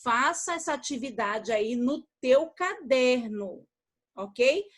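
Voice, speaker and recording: Brazilian woman, primary teacher; high, gentle and patient video-lesson delivery for young children. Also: lively intonation, slow pace. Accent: Brazilian Portuguese. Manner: patient, repetitive, checks in with "okay?" after each step; affectionate toward pupils, uses diminutives.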